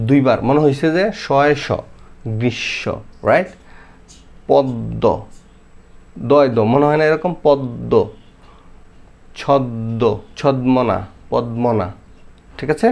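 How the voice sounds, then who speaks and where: A man's voice: on the high side, a little mellow. Man teaching spelling rules. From Bangladesh. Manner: conversational, repeats example words slowly, asks rhetorical questions. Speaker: primary school teacher. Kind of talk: explaining Bangla spelling rules to viewers.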